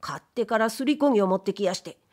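A woman's voice: medium pitch, expressive, quick pace, a little mellow, lightly acted. Woman doing a meek male ghost, former scrap-paper man, polite old Edo talk, plaintive, audiobook. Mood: aggrieved. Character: humble timid male ghost, former wastepaper dealer. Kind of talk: audiobook reading of period fiction.

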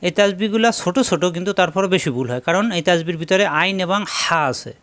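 A man teaching Quran pronunciation step by step, repeating syllables slowly to drill each sound. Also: high voice, a bit bright.

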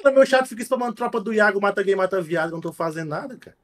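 A man's voice: sits high, animated, rapid-fire, a crowd in the background. A man chatting during a gaming stream, telling crude stories full of swearing. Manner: profane, joking storyteller. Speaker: guest streamer. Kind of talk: casual gaming stream chat.

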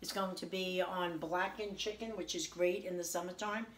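This home cooking show host, a woman in her forties, has a voice on the low side with a steady tone and normal speed. She talks through a recipe in her indoor home kitchen in a chatty, homey casual demonstration, tasting and praising as she goes. Recorded on a counter camera at arm's length, it carries slight background noise and faint clatter of dishes and utensils.

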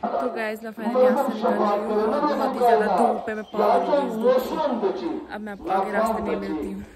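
A woman's voice: on the high side, brisk, over a noisy crowd. A young woman from Kashmir chatting to her phone at arm's length, narrating her day as a vlogger, out on the streets, in a cafe and at home. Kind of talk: casual vlog chat.

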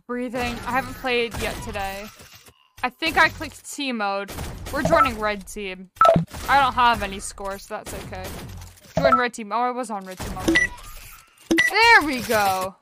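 A woman's voice: on the high side, animated, a little slow, very noisy. A woman streamer chatting casually and rambling with little asides while she games, her voice run through a heavily compressed mic. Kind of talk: casual live-stream chat while gaming. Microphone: desk mic with software compressor.

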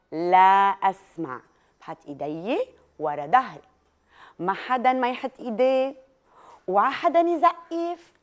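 A woman with a Lebanese Arabic accent, teaching children the letter dal through a clapping game and drawing out each test word slowly. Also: mid-range voice. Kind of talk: children's lesson, leading a listening game.

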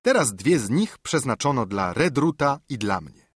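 A man reading an adventure novel aloud as an audiobook narrator, in an expressive, lively manner. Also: mid-range voice, moderate pace, slightly rough, no room sound, clean studio sound. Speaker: audiobook reader. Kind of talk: scripted narration.

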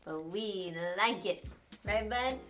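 A woman's voice: mid-range voice, takes it slowly, roomy sound. A young woman hosting a casual cooking vlog, chatting upbeat to the camera in her home kitchen. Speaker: host.

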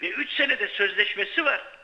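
A man's voice: high-pitched, normal speed, gravelly, sharp tone. A man speaking as a sports writer calling in to a live show by telephone, arguing insistently like a radio show caller and repeating his points for emphasis. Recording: muffled, band-limited live telephone line.

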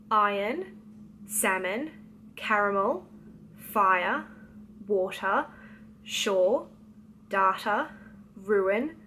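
A woman's voice: medium pitch, fairly bright tone, a little hiss or hum. A young woman with an Australian accent, a writer chatting casually to camera with a lot of ums. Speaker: YouTuber and writer. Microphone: laptop in front, looking down.

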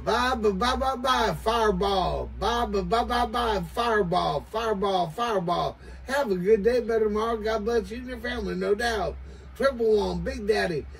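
The voice belongs to an older American man, high-pitched and creaky, speaking at a moderate pace as he works a CB radio. He chants repetitive catchphrases and sign-offs into his desk microphone inside a cluttered little home radio shack, while a far-off camera records him amid some background noise.

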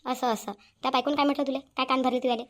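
A woman voicing a scolding older mother-in-law in a cartoon, firing off rapid accusing questions. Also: sits high, fairly even intonation, lightly acted. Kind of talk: cartoon voice acting.

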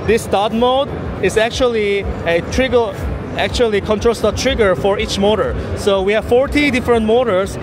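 A man's voice: high voice, moderate pace, background noise. A man exhibitor patiently demonstrating a product step by step at a convention booth, with slightly broken grammar. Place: busy convention hall booth. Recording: crowd chatter and music behind.

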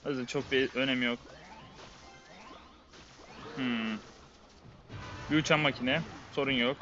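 A man's voice: mid-range voice, fairly even intonation, a little slow, bright, forceful tone, muffled recording, soft background music. A man giving a live, muttered running play-by-play while he plays a game, often exasperated. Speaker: game streamer. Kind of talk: live gameplay commentary.

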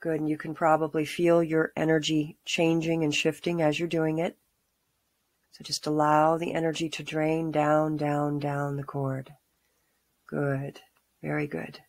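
A middle-aged woman leading a calm guided grounding exercise, giving soothing, unhurried instructions with pauses. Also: low voice, dry recording. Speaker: meditation guide. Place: small room at home, indoors.

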